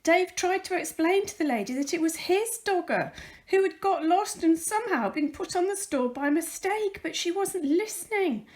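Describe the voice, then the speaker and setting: Reading a picture book aloud for children, this female volunteer storyteller stresses words with care and expression. She speaks in a very high voice at a moderate pace.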